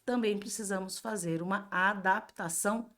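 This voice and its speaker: A woman's voice: medium pitch, fairly even intonation, a bit bright. A woman teacher with a Brazilian Portuguese accent giving a grammar review lesson, explaining step by step and asking herself questions before answering them. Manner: slow and explanatory, asks and answers her own questions.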